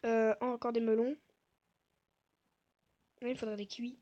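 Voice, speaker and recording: A woman giving casual gameplay commentary, talking softly to herself and the viewers with self-mocking asides. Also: fairly high pitch, level tone, measured pace, highs cut off. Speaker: gaming video creator.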